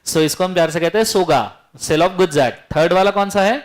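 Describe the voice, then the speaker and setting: High-voiced man teaching a lively class. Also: fairly quick. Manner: lively, teasing, quizzes students. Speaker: law teacher. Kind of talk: classroom lecture.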